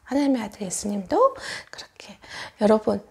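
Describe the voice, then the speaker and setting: A woman children's pastor giving a Sunday school sermon, telling a story and asking the children questions, often dropping into hushed whispers. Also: mid-range voice, sing-song, moderate pace, vocal fry, husky.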